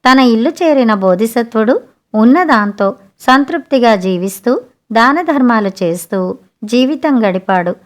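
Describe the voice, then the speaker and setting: A woman reading a fable aloud for an audiobook. Her voice is fairly high and her telling stays steady and even. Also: a little slow. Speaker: audiobook narrator. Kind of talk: storybook narration.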